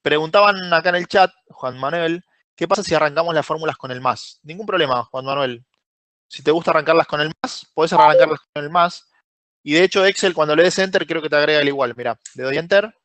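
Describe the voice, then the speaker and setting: A man's voice: fairly high pitch, brisk, a bit bright, no echo. A man with a Rioplatense Spanish accent teaching a live online spreadsheet class, explaining step by step, quizzing students and praising their answers by name. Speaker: Excel course instructor.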